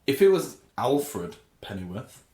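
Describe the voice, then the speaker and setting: Guy cohosting a film podcast, jokey and laughing a lot, pitch jumping all over, echoey room. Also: very animated, a little slow, warm tone. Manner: jokey, laughs often, spins comic tangents. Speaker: podcast co-host. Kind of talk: casual chat.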